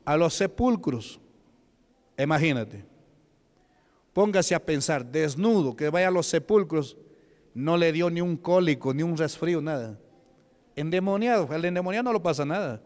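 A man's voice: a little high, expressive, moderate pace, pauses often, darkish tone. A male deacon from Peru preaching a Pentecostal sermon, asking the congregation questions and answering them himself, punctuating with hallelujahs. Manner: punctuates with "aleluya". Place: church hall. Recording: reverberant church hall.

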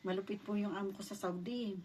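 A woman's voice: medium pitch, fairly even intonation, fast talker, darkish tone. A middle-aged woman from the Philippines tells a personal story in her vlog, polite and acting out the dialogue as she goes, picked up on a distant mic with faint noise. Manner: polite, retells events with quoted dialogue. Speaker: vlogger.

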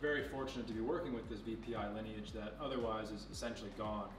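A man's voice: lowish voice, fast, recorded from a distance. Young man touring a reptile room, echoey. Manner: knowledgeable, relaxed, with frequent fillers. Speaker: facility owner giving a tour. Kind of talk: casual walkthrough explaining snakes. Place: indoor reptile room with glass enclosures. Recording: echoey room, off-mic, music behind.

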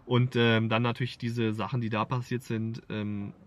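A man's voice: mid-range voice, little pitch movement, normal speed, slight background noise. A man vlogging in casual storytelling mode, rambling with lots of fillers and frequent swearing. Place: Berlin.

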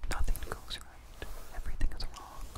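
A man giving a whispered ASMR pep talk, soothing and reassuring, speaking softly without voice up close to the microphone. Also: moderate pace. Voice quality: unvoiced whisper. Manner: soothing, reassuring, repeats short phrases. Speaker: ASMR performer.

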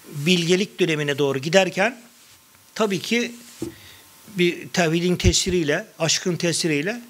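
A man's voice: a little high, a bit bright. A middle-aged man giving a public talk on Sufi poetry, telling anecdotes and quoting verses in a conversational way.

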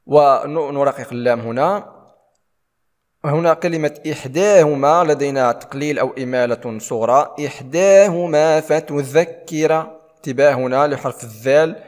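A man teaching a tajweed lesson, explaining rules and then reciting verses slowly with long drawn-out vowels. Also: medium pitch, big-room sound.

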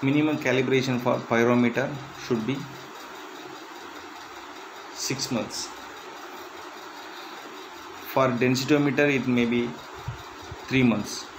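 A man's voice: mid-range voice, fairly even intonation, slow, pauses often. Man reading welding quiz answers, noisy. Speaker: instructor.

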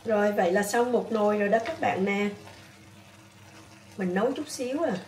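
A woman with a Southern Vietnamese accent chatting casually in a home cooking vlog, coaxing her dog in soft tones. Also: medium pitch, moderate pace, echoey room, far from the mic, a little hiss or hum. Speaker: vlogger.

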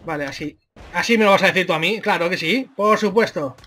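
A man with a Spain Spanish accent doing excitable let's-play commentary, yelling and swearing at the game. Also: sits high, fairly quick. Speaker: gamer.

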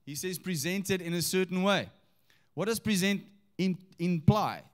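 A man delivers a sermon to a church congregation, his voice sitting a little higher than most men's. He reads scripture slowly and with weight, then turns to the people with questions and calls for them to answer back. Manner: emphatic, engaging the congregation with questions. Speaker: preacher.

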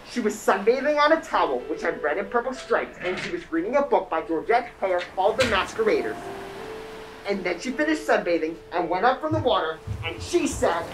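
A woman's voice: medium pitch, a little hiss or hum, close to an everyday voice, rough recording. A young woman playing a blunt literal teenage boy. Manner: flat, literal, matter-of-fact. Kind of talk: stage play acting.

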